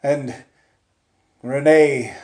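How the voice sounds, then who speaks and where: In a roomy, echoing space, a man tells a suspense story aloud in first person with a mid-pitched, steady tone. He's unhurried and theatrical, dropping to near-whispers and rising to loud urgent peaks, leaning on dramatic pauses and repetition.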